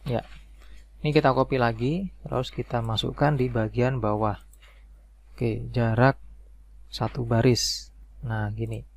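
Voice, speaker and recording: Male tutorial narrator, gravelly, dry close mic, mouse clicks behind; calm, step-by-step. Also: mid-range voice, a little slow, pauses often, dry recording. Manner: calm step-by-step explaining, fillers like "nah" and "oke". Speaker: spreadsheet tutorial instructor. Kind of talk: screen-recorded software tutorial.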